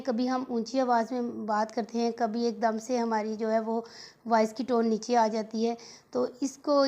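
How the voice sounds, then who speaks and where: Slow, mellow-voiced woman teaching. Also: fairly high pitch. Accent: Pakistani Urdu. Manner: reads English questions slowly, then explains in Urdu. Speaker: teacher going through test questions. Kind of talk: recorded lesson explaining multiple-choice answers.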